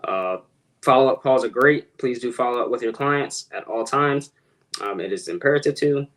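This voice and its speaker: A man's voice: mid-range voice, moderate pace, fairly bright tone, rough recording. Man rambling to vlog viewers. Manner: rambling, self-correcting, addresses viewers directly. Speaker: real estate cold caller and vlogger. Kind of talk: casual vlog talk to viewers.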